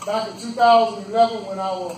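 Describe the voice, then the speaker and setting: A high-pitched man gives a campaign speech in short, earnest phrases. He is picked up from far off in a very echoey roadhouse room, with a faint hum of background noise. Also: fairly even intonation, a little mellow. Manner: earnest, plain-spoken, pauses in short phrases. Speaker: judicial candidate giving a campaign speech.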